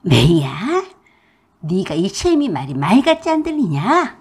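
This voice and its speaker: A woman voicing a domineering older mother-in-law in a radio drama, who scolds in a loud, bossy voice and talks down to people. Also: medium pitch, very animated, a little slow, creaky, husky, heavily acted. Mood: scolding.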